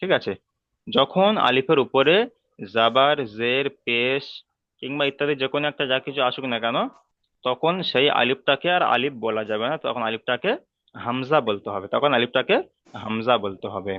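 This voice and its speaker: A man teaching letter sounds in an online class, patient and repeating each rule slowly. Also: medium pitch, dry recording, dull audio. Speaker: Quran reading teacher.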